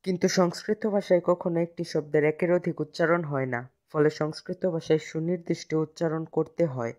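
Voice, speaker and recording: A man teaching pronunciation in a measured, scripted narration, slowing down to model each word. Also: on the high side, fairly even intonation, a little mellow.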